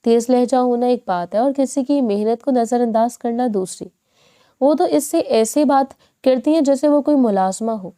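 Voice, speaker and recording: A woman's voice: fairly high pitch, dark tone, natural voice. A woman voicing an outspoken young bride who pleads with her mother in a reproachful tone. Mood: pleading.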